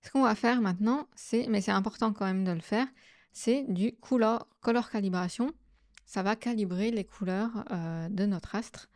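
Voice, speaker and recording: Casual woman walking through software steps. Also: medium pitch, normal speed, no room sound, studio quality. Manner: casual, step-by-step explaining with fillers. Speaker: astrophotography tutorial host. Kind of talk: screen-recorded software tutorial.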